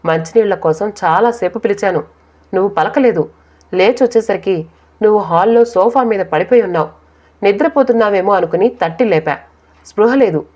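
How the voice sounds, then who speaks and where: A woman's voice: mid-range voice, darkish tone, natural voice. A woman voicing a remorseful older husband who pleads tearfully for his wife's forgiveness. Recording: dull lo-fi recording.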